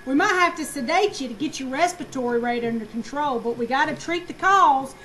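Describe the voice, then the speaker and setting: A woman teaching nursing students in a lively, slangy lecture, asking questions and answering them herself. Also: high-pitched, brisk, a little hiss or hum, poor audio. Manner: animated, slangy, asks and answers own questions.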